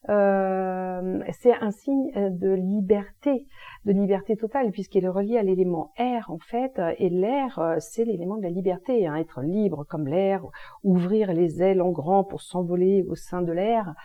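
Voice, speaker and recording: A woman's voice: mid-range voice, measured pace, narrow, tinny audio. A woman explaining astrology in a casual, chatty monologue, using informal slangy expressions. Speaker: energy healing and astrology presenter.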